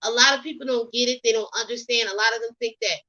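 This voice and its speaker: Her voice is fairly high, pushed and bright, with fairly even intonation, and she talks fast. She's a woman from the American South with a Geechee accent, rambling through opinionated celebrity gossip in a casual commentary vlog with many ums and you knows. The recording has its highs cut off.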